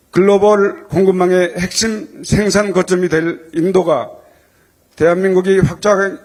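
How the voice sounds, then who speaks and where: A man's voice: high-pitched, darkish tone. A man delivering a formal prepared welcome address as a community association president, in an earnest, deferential and ceremonial manner.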